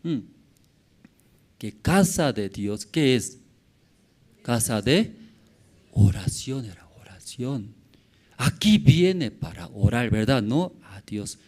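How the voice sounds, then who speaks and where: A man preaching a sermon as pastor, with halting phrasing and many questions to the congregation, swinging from loud exclamations to quiet murmurs. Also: medium pitch, animated. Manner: asks the congregation frequent rhetorical questions.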